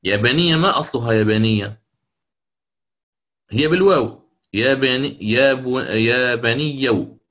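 A man's voice: medium pitch, expressive, fairly bright tone. Man patiently teaching a recitation lesson. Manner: deliberate, repeats key points. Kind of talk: classroom lecture.

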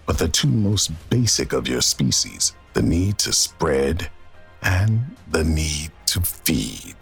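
An actor playing a vengeful rogue AI villain, menacing, boastful and grandiose, with a gravelly, raspy voice, in an audio drama. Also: male voice, rumbling low, very animated, slow pace, soft background music, exaggerated voice. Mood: menacing, gloating.

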